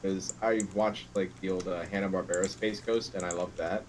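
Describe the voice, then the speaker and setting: A man's voice: deep voice, fairly even intonation, normal speed, a little mellow, a little hiss or hum. A man chatting casually on a gaming stream, rambling enthusiastically about old shows. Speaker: co-host friend. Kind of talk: casual chat while gaming.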